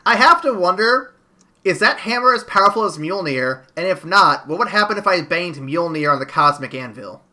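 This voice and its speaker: A man with a bright, forceful voice, pitched a little high. He chats casually about a film as host, wandering through restarts and fillers. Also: lively intonation, moderate pace. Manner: rambling, many restarts and fillers. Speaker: podcast host. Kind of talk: casual movie review chat.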